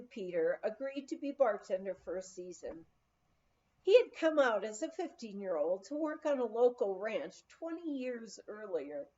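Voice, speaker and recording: In an expressive storytelling style, a woman narrates a memoir for an audiobook with a voice that's a little high. The recording quality is slightly dull.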